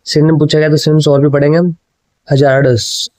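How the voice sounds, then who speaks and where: Hindi-exam teacher, man, mellow voice. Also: fairly high pitch, flat delivery, a little fast, no room sound, low-quality recording. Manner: mixes Hindi and English, repeats answers, keeps asking "ठीक है?". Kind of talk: explaining exam questions.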